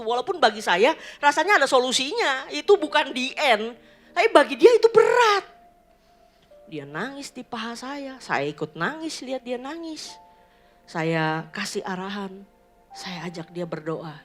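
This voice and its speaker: A woman pastor preaches in a church, telling stories straight to the congregation. Her voice is bright and forceful, with faint music underneath. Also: mid-range voice. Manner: storytelling, mixing in English phrases, addressing the congregation. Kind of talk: sermon.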